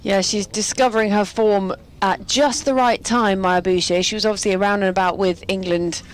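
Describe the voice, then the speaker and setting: In a mid-range voice with fairly even intonation and a moderate pace, a woman provides colour commentary on a cricket match. She's in a commentary box at a quiet ground, chatting about the players and adding light jokes.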